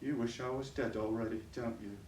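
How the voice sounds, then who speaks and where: A man's voice: mid-range voice, fairly even intonation, fairly quick, a little mellow, slight background noise, lightly acted. A man playing a bitter drunken old father on a college stage, rambling and stammering as he pleads and rails. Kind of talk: stage play acting. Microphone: distant room microphone. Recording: echoey stage recorded from far off.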